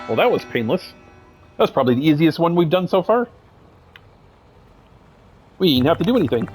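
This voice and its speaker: A young man casually playing a horror game, reading its text aloud and joking with slang between lines. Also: medium pitch. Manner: casual, joking, says "dude" and "bro". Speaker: gameplay streamer.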